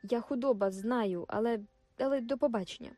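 A woman's voice: fairly high pitch, a little fast, mellow, soft background music, natural voice. A woman reading the lines of a brash, dismissive young male soldier, curt and commanding. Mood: hurried.

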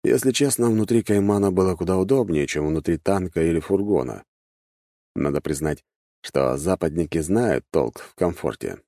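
A man narrating an audiobook in a measured, wry storytelling manner. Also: sits low, lively intonation, dark tone, dry recording, clean studio sound.

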